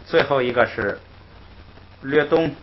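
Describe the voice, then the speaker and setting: A man teaching a grammar class, explaining patiently, repeating himself and chuckling softly between points. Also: mid-range voice, slow. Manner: patient, repetitive, punctuates with "hey" and soft chuckles. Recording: dull lo-fi recording with faint noise.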